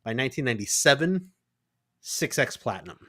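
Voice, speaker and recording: Dude cohosting a music podcast, playful, teasing, reading off chart stats. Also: male voice, mid-range voice, sing-song, a little fast, sharp tone. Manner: playful, teasing, rattles off facts. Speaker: podcast co-host. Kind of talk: casual podcast chat.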